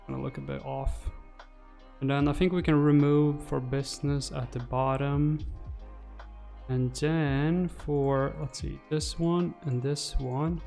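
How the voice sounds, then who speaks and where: Here a young man in his twenties thinks out loud while working and casually running a livestream from a small indoor space. He sits right up on a desk microphone, his mid-range voice mellow and touched with vocal fry.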